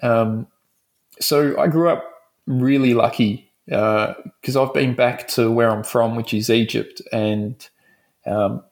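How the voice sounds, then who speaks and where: An Australian man talks as a guest in a relaxed interview. His voice sits at a middle pitch, and he tells his stories frankly, piling up restarts as he goes. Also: slow pace. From Melbourne, Australia. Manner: frank, rambling storytelling. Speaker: dentist guest. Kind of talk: casual interview chat.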